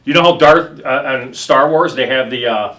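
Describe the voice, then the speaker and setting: A middle-aged man with a bright, forceful voice tells his stories as a home inspector. He rambles, pauses on ums and restarts his sentences in loose conversation. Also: medium pitch. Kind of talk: casual storytelling.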